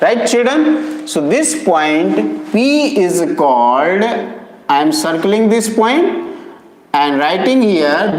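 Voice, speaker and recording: Echoey, lively-pitched maths teacher. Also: male voice. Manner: addresses students as children, repeats terms slowly. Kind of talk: classroom lecture. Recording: echoey classroom with long reverb.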